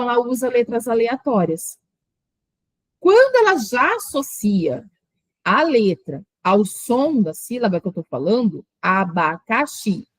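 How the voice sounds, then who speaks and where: In an online exam-prep lecture on children's writing, a woman with a high-pitched voice explains patiently, sounding out words syllable by syllable. There's no echo.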